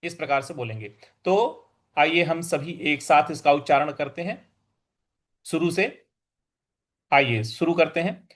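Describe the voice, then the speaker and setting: A man teaching Sanskrit verse recitation, saying each word slowly and repeating it before explaining how to pronounce it. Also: on the high side, a bit bright. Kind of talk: slow syllable-by-syllable recitation lesson.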